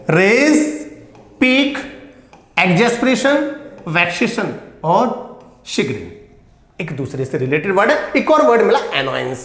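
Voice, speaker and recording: A male English teacher, giving an exam vocabulary lesson and quizzing his students, calling them "beta" and repeating each word. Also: high voice. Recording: echoey room.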